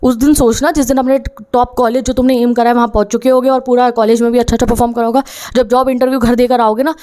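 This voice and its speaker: Brisk, urgent young woman teacher. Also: fairly high pitch, level tone, mellow. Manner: brisk, urgent, direct, acts out students' thoughts. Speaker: teacher giving study advice. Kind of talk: motivational talk to students.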